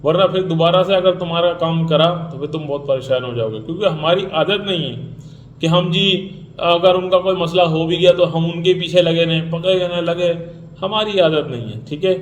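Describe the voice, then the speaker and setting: A vlogger with a slightly high voice delivers an indignant, ranting commentary, repeating himself and mocking others by mimicking them. The audio is dull, recorded in an echoey room with faint ambience.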